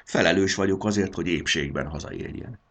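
A man voicing an eager young male dragon who talks in a hurried, coaxing way in a storybook reading. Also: low-pitched, fairly bright tone.

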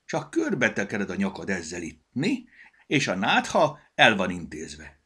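A man voicing a lively, boastful squirrel in a children's audiobook, chirpy and quick. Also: low-pitched, breathy edge, exaggerated voice. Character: lively show-off cheeky squirrel.

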